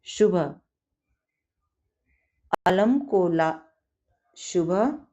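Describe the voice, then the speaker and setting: A woman's voice: lowish voice, animated, drawn-out words, warm tone. A woman teacher reading a Sanskrit school lesson aloud and explaining it line by line in Hindi, often turning to address the children.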